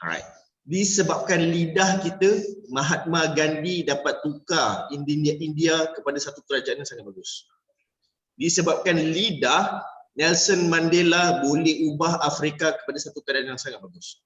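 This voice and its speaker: A Malaysian-accented man runs a live workshop class as a business sales coach, mixing Malay and English and tacking "alright?" onto almost every point. His voice sits a little high and a bit bright at a moderate pace, and he plays around by acting out small dialogues. The room echoes and the sound is dull and lo-fi.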